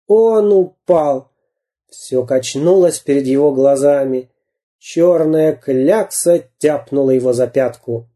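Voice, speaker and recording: A narrator reading a children's adventure book aloud in a slow, dramatic way. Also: medium pitch, mellow. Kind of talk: storybook reading.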